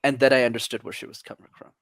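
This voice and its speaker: Lively extroverted young man from Canada. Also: mid-range voice, very fast, no room sound, clean studio sound. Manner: energetic, extroverted storyteller. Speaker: podcast guest. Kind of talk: casual interview chat.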